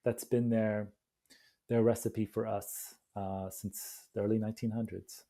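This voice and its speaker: A lowish, level voice, creaky and mellow: a coffee company founder speaking casually as an interview guest. He halts and repeats words while finding his sentences, and agrees readily.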